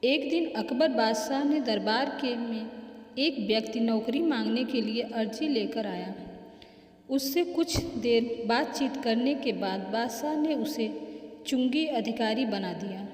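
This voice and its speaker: A woman's voice: on the high side, unhurried, a little mellow. A woman reading children's folk stories aloud as storyteller, carefully and with restarts. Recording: echoey room with long reverb.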